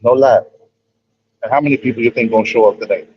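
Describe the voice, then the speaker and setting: A man's voice: medium pitch, fast talker, background noise. A man chatting casually about boxing over a choppy call connection that keeps breaking up, slangy and repeating himself, from inside a car. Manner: slangy, repeats and restarts phrases. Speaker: podcast co-host. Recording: muffled lo-fi call audio.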